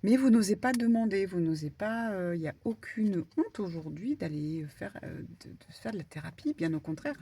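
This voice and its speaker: A woman medium giving a casual spiritual card reading, talking in an animated, stumbling way with many fillers. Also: mid-range voice, normal speed, few pauses, husky. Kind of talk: spiritual guidance talk, casual.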